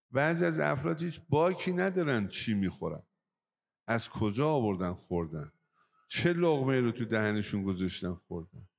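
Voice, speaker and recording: A man's voice: a little high, vocal fry. A man preaching a religious sermon who tells moral stories to his listeners and raises his voice on key points. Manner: emphatic, voice rising on key points.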